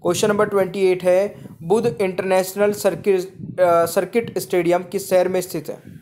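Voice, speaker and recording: High-voiced man reading quiz answers. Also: little pitch movement, normal speed, a little mellow, slight background noise. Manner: repeats each question, addresses viewers as friends. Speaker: quiz teacher. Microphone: voice-over on screen slides.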